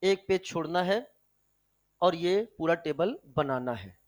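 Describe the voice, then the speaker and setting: A male chemistry teacher giving an energetic lecture, firing questions at his students and calling them "beta" as he coaxes and scolds. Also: a little high, takes it slowly. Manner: animated, fires rhetorical questions at students.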